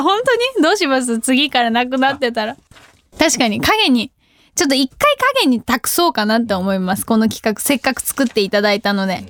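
A woman's voice: high voice, no echo. A young woman hosting a radio show, reading listener mail in a giggly, self-deprecating way. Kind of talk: casual radio chat. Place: radio studio.

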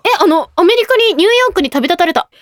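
A young woman hosting a casual radio show, giggly and excitable as she reads listener emails. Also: extremely high pitch, fast talker, slight background noise. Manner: giggly, excitable, playful self-mockery. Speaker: radio host.

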